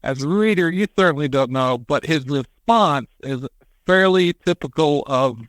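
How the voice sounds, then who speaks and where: A man on a podcast, retelling a story in casual chat, animated and acting out quotes with casual swearing. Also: fairly high pitch, moderate pace, no echo. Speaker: podcast co-host.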